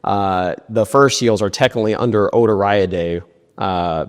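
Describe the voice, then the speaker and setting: A man's voice: fairly low pitch, normal speed, clear, resonant tone, big-room sound. A man, a marine biologist, talking casually in an interview, rambling with many fillers and restarts and laughing easily.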